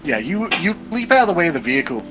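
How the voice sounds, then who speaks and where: A man narrating a tabletop role-playing game as game master, describing scenes in a measured way with fillers. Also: fairly high pitch, very animated, over music, poor audio.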